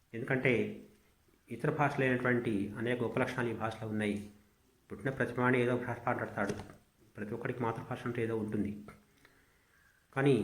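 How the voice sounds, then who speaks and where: A man teaching Sanskrit in a lecture, reciting verse lines slowly and then explaining them at length. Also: medium pitch, fairly bright tone, roomy sound.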